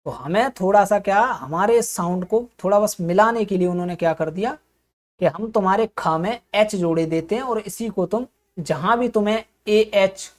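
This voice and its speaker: An English teacher, a woman, giving an explanatory spoken lesson, often posing questions to herself and then answering them. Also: mid-range voice.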